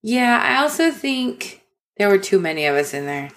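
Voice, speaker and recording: A woman's voice: mid-range voice, big pitch swings, moderate pace. A woman in her forties co-hosting a podcast, teasing in a dry, matter-of-fact way during casual chat. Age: 40s. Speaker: podcast co-host.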